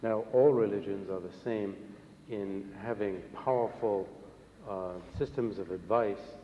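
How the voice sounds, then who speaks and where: A man interpreting a religious teaching, speaking formally and carefully in short phrases with pauses between them. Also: lowish voice, warm tone. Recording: echoey hall, long reverb, faint noise.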